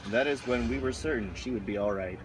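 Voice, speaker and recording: Outdoors, with traffic noise in the background, a man reads a children's picture book aloud. His voice is medium-pitched and his pace quick.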